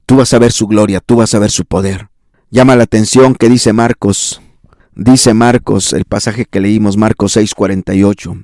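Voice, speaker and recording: A man preaching a fervent sermon as a pastor, repeating phrases and rising sharply in pitch for emphasis. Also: fairly even intonation, moderate pace, darkish tone, dry recording, studio quality. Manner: fervent preaching with repetition and sudden pitch rises. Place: church.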